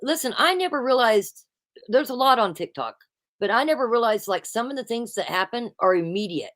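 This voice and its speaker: The host of this casual chat is a woman whose voice runs on the high side, animated and a little fast. She is loud and emphatic, constantly returning to "absolutely" and "listen."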